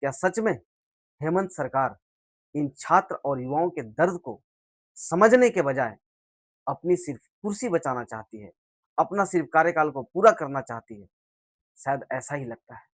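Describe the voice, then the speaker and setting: A man giving impassioned political commentary, speaking rhetorically and swinging between loud emphatic bursts and low, quiet lines. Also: lively intonation, moderate pace, pauses often, no echo. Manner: rhetorical, swells and drops in loudness for emphasis.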